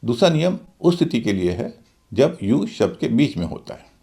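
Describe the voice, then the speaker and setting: A man's voice: mid-range voice, very animated, normal speed, warm tone. A man teaching English pronunciation in a video lesson, explaining methodically and spelling words out letter by letter.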